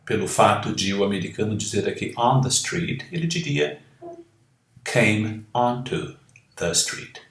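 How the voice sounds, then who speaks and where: Man, English teacher, Portuguese native, slow and deliberate, lively intonation, echoey room. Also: mid-range voice, vocal fry. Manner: slow, careful, drawn-out model pronunciations. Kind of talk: language lesson.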